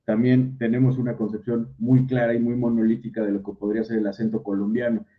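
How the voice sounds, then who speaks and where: A man's voice: mid-range voice, flat delivery, brisk. A Mexican man teaching an online class, talking it through with fillers and restarts. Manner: thinks aloud with many fillers and restarts. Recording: dull lo-fi audio.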